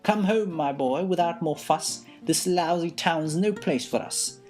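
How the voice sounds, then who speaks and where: A woman's voice: fairly low pitch, a little slow, a little mellow, faint music behind, natural voice. A woman voicing a cheeky, scornful talking cat in a storybook reading, blunt and indignant.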